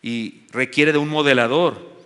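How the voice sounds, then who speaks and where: A man's voice: medium pitch, a little slow, a bit bright, smooth. A man with a Mexican Spanish accent preaching a sermon as pastor, telling a story earnestly and building to emphatic exhortation. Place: church sanctuary with long reverb. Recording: church hall reverb.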